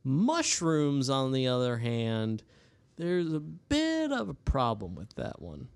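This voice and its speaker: A man's voice: medium pitch, huge pitch swings, slow, clean tone, full character voice. A man voicing a bald old human farmer in his seventies, with a folksy country drawl and wry, sarcastic asides, during a tabletop game. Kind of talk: tabletop role-play voicing.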